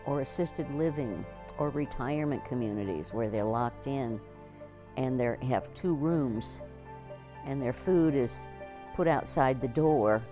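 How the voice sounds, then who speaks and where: A woman in her eighties answering documentary interview questions in a plain, matter-of-fact way. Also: a bass voice. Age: 80s.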